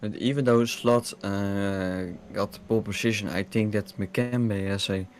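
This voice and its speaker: A man's voice: lowish voice, fairly even intonation, moderate pace, slight background noise. A man with a Dutch accent co-commentating a sim race, searching for words with many fillers.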